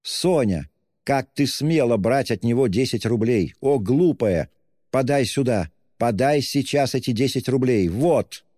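A frantic older woman who shrieks and hurls insults, her voice pitched high and loud, as a male narrator acts her out. The audiobook reading carries a long hall reverb. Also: lively intonation, a little slow, studio quality. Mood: outraged. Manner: screaming, hurling insults.

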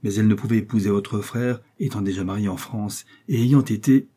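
A man reading the lines of an eager, impatient young musketeer in a lively way. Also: fairly low pitch, fairly quick, husky.

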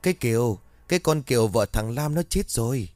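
A grieving old village woman, frantic and wailing, as a male storyteller voices her. She pleads urgently, her lines rising and falling over a lively pitch. The sound is dry and close. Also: fairly quick, no echo, natural voice.

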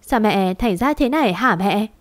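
A woman's voice: medium pitch, lively intonation, normal speed, lightly acted. A woman voicing an anguished grown daughter who presses her mother with urgent, reproachful questions, in an audio story.

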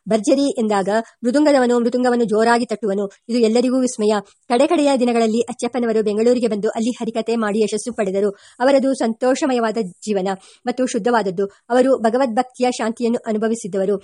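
A woman reading a memoir aloud as an audiobook, at a steady pace that slows for the verses and quoted speech. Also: fairly high pitch, no echo, studio quality. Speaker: audiobook reader. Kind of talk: read-aloud memoir narration.

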